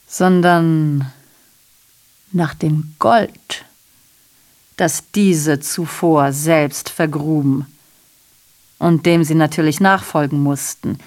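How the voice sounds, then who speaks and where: In a radio drama, an actress with a deep, darkish voice plays a sardonic messenger who broadcasts grim past events. Her heavily acted performance is mocking and theatrical, occasionally turning confiding.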